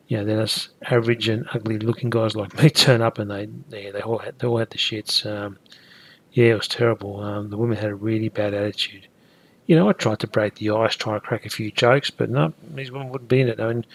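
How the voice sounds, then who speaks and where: A man's voice: on the low side, vocal fry. A man giving a blunt, repetitive, ranting vlog monologue. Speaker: vlogger. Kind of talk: casual monologue.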